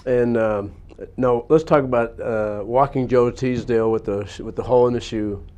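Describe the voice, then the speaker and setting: A man hosts a local television interview, his voice at an ordinary middle pitch. He speaks haltingly, padding his questions with frequent filler sounds. The recording is dull and lo-fi, with muffled highs. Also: steady tone, a little mellow. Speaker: interview host. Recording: dull lo-fi audio.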